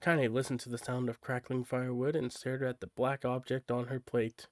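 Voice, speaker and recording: A man's voice: mid-range voice, level tone, normal speed, no echo. A man reading a story aloud on a live stream, casual and tripping over words now and then. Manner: casual, stumbles and self-corrects while reading.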